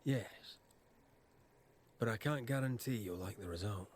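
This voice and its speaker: An actor playing a stern, composed ghost hunter in a video game, speaking in a terse, measured, matter-of-fact way. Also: male voice, fairly low pitch, natural voice. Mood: calm, guarded. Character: stern, composed male ghost hunter, guarded but helpful. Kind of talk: dramatic video game voice acting. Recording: faint ambient noise behind.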